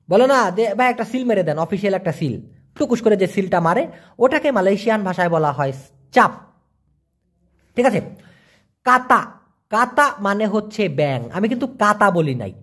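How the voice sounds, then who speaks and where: A man from Bangladesh, giving a casual vocabulary lesson and slowly repeating each word between chatty asides. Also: high voice, fairly bright tone. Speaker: language teacher.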